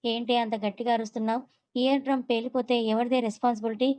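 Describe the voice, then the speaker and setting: A woman's voice: on the high side, level tone, quick pace, a little mellow, no room sound, close to an everyday voice, low-quality recording. A woman voicing a blunt, grumbling young man in a storybook reading.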